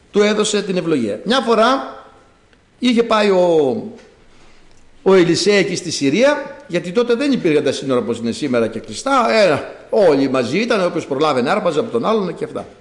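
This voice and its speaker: Male preacher, sermon, lively storytelling, higher voice, roomy echo. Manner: animated storytelling, acting out the quoted characters. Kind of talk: sermon retelling a Bible story. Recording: echoey room.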